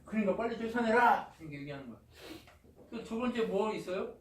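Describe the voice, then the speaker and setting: A man's voice: high-pitched, expressive, quick pace, darkish tone, slight background noise. A man preaching a sermon as pastor. He keeps asking the congregation questions and answering them himself, and retells Paul's words in blunt casual speech. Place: church sanctuary. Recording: roomy, from a distance.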